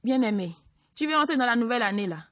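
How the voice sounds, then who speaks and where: A woman preaching a sermon. She exhorts her listeners, swinging between loud emphatic peaks and low quiet asides. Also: expressive, fast. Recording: dull lo-fi dry recording.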